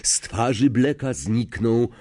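A man narrating an audiobook in a slow, dramatic storytelling manner. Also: mid-range voice, expressive, dark tone. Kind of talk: scripted narration.

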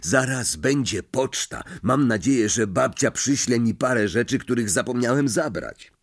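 A man's voice: medium pitch, lively intonation, normal speed, dry recording, studio quality. A man voicing a nervous, forgetful schoolboy who speaks timidly and urgently in an audiobook. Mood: anxious. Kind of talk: audiobook character voice.

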